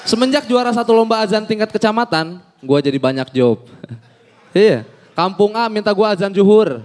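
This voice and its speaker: Animated high-voiced young comedian. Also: male voice, moderate pace, a faint crowd, slight background noise. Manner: animated storytelling, acting out characters in shifting voices. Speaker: stand-up comedian. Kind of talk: stand-up comedy set.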